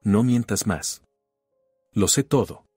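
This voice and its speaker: A man voicing a calm, resolute wronged wife. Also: fairly low pitch, takes it slowly, breathy edge, no room sound, studio quality, faint music behind, heavily acted. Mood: firm. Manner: cool, resolute, sparing words.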